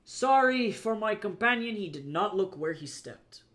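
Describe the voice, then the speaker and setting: A streamer voicing a foreign man with a thick made-up accent who speaks halting, broken sentences and gropes for words. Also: medium pitch, expressive, fairly bright tone, lightly acted. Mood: apologetic.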